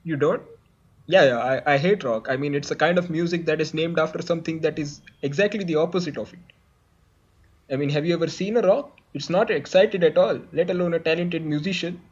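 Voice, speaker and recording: A man puts on a lower, flat-toned rock star who stumbles over his words in a dry deadpan. The shadow musician keeps an aloof, unimpressed manner through the whole comedy sketch. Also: breathy edge, muffled recording. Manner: deadpan, halting, stammering.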